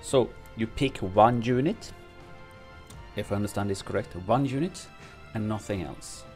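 A gaming streamer, a man whose first language isn't English, reads game patch notes aloud and comments on them from his home streaming room. His voice sits fairly low, and he speaks haltingly with lots of fillers and restarts while soft music plays in the background.

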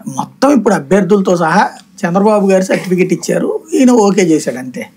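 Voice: medium pitch, sing-song, fast talker, a little mellow, slightly rough. A political analyst explaining party moves in an assertive, explanatory manner. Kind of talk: political commentary.

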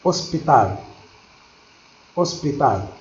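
A man teaching a vocabulary lesson, repeating each word slowly and explaining it, moving between languages. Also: mid-range voice, expressive, reverberant, highs cut off, slight background noise.

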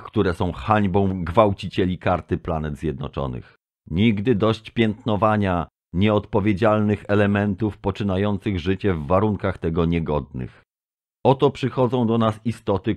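A man voicing a thundering, pompous male alien delegate with a booming voice, reading out laws and denouncing the accused in a storybook reading. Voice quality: stentorian, booming.

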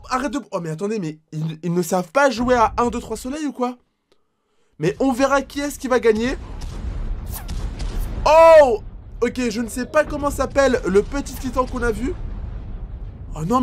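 Very high-voiced excitable man. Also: a little hiss or hum. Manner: excitable, frequent exclamations and startled gasps. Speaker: YouTuber reacting to videos. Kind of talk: excited reaction commentary.

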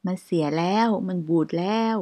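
A Thai woman with a Thai accent who teaches English, saying each short phrase slowly twice and then explaining it quickly. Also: warm tone. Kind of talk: language lesson, repeating phrases slowly.

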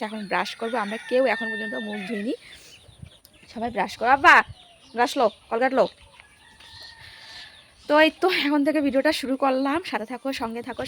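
A young woman films her household chores on a phone in a village home, partly outdoors, chatting casually to her viewers. Her voice is a little high, and there is background noise.

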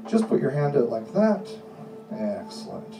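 On a small indoor comedy club stage, a middle-aged stage hypnotist hosts his show, issuing commanding, repetitive suggestions in deliberate phrases. His medium-pitched voice is sing-song and creaky, carried through a handheld mic and the PA and captured from the audience by a distant camera, so it sounds echoey with music in the mix.

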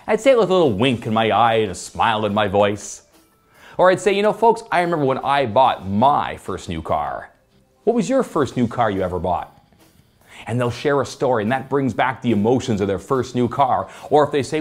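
A man who runs a sales company, giving an upbeat motivational sales lesson and acting out lines he uses with customers. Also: mid-range voice. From Canada. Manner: enthusiastic, animated, acts out customer quips.

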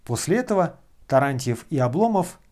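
A man narrating an audiobook of a classic novel in a measured way. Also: a little high, very animated, a little mellow. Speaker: audiobook reader. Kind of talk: reading a classic novel aloud.

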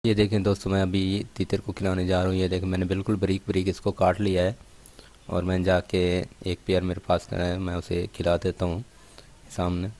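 A man demonstrating partridge care in a steady, explanatory vlog, repeatedly pointing things out to his viewers. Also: low-pitched, fairly quick. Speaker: bird keeper showing partridge care.

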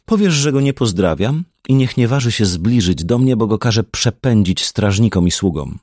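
Brief: male narrator doing a wounded young queen, pitched up, wide swings, dry close read. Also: expressive, darkish tone, dry recording. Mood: cold. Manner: raised pitch, slow pained delivery. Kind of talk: audiobook character reading.

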